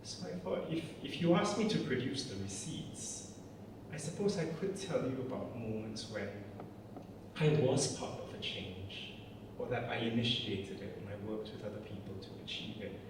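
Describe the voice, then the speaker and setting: A man's voice: mid-range voice, animated, normal speed. Candid Malaysian man in an echoing hall. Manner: reflective, candid. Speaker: director of a climate communications charity. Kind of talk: personal talk at an evening event. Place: large church hall. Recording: echoey hall, distant mic, audible noise.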